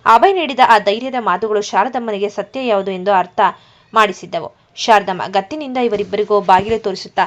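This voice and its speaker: A woman storyteller narrating a scripted family drama in an even, measured reading, in a dull lo-fi recording. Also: medium pitch.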